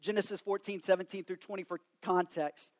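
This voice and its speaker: A man's voice: sits high, fairly even intonation, fairly quick. A man with a West Texas accent and twang, preaching a sermon in a conversational way.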